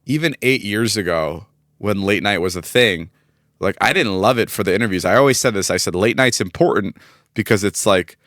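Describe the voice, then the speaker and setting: Podcaster in his 20s, male, very lively swooping delivery, swears a lot, goes high for quoted lines. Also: fairly quick. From United States. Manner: animated storyteller, swears often, voice leaps up when acting out quotes. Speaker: podcast co-host. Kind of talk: casual podcast chat.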